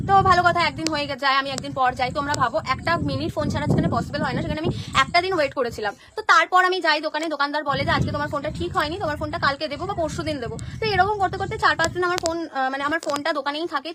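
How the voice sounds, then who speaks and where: Chatty young woman on a live stream, fast and high. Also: noisy background. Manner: chatty, answers viewer comments. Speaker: content creator on a live stream. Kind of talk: casual live-stream chat. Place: at home, in front of a painted wall.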